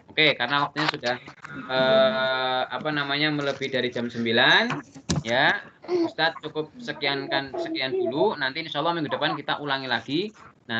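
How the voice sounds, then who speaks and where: A man's voice: medium pitch, noisy background. A man teaching a Quran reading lesson in an online class, explaining rules patiently and often checking that students understand. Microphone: video call. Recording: muffled online call audio.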